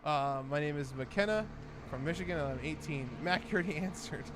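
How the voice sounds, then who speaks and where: A man's voice: fairly high pitch, fairly quick, very noisy. A man in his twenties from New Jersey, co-hosting a live stream and reading viewer comments aloud with jokes and laughs. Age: 20s. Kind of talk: casual live-stream chat. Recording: game music loud under voice. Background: video game music.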